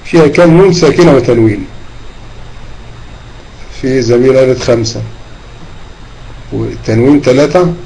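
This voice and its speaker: Egyptian man teaching tajweed, mellow voice. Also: medium pitch, vocal fry, slight background noise, low-quality recording. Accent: Egyptian Arabic. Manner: patient, drawn-out demonstration of recitation. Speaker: Quran recitation teacher. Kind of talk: online tajweed lesson.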